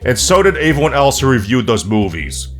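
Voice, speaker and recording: A man narrating a comedic movie review in a sarcastic, profane, deadpan way. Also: medium pitch, brisk, soft background music. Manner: snarky, profane, deadpan jokes.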